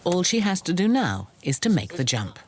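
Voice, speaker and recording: A man's voice: sits high, big pitch swings, normal speed, slight background noise. A man reading scripted narration for a TV documentary.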